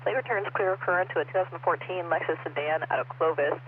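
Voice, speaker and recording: A man's voice: on the high side, fast talker. A man giving a clipped plate readout over police radio. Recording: tinny radio transmission with hiss.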